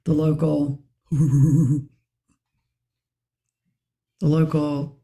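A middle-aged woman hosting a casual podcast discussion, her raspy voice hoarse as she keeps clearing her throat. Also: sits low, little pitch movement, drawn-out words, mellow, echoey room. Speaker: podcast host.

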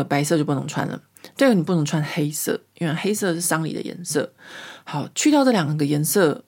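Podcast host, woman in her 40s, low voice, rambling casual storytelling. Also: a little mellow, husky. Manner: chatty, rambling storyteller, many fillers. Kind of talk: casual chat monologue.

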